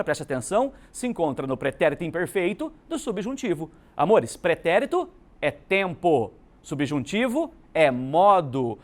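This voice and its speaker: A male Brazilian teacher leads an exam-prep grammar lesson in a high, lively voice. His delivery is emphatic and animated, rising and falling a lot. He keeps checking in with his students as he explains. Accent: Brazilian Portuguese.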